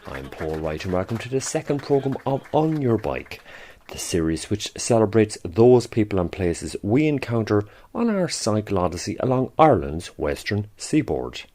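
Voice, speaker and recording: Lively-pitched male radio documentary host. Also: moderate pace, a little hiss or hum. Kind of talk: radio documentary presenting and interviewing.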